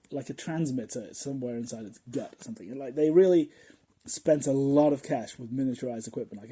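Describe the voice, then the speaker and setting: A man hosting a podcast in a casual monologue, rambling and chatty, often chuckling and dropping into quiet asides. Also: medium pitch, slightly rough, low-quality recording. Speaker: podcast host.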